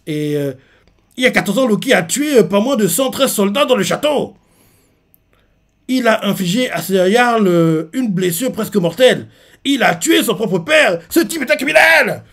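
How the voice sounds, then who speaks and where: A man's voice: high voice, lively intonation, normal speed, a bit bright, pitched above the performer's own voice, heavily acted. A man voicing a stern, startled male giant warrior, reading the manga dialogue aloud with emphasis in a raised voice. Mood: shocked, stern.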